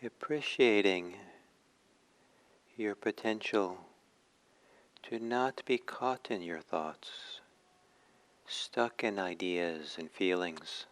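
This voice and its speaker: A man leading a guided meditation as a teacher, speaking in short phrases with hushed pauses between them. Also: low voice, rough recording.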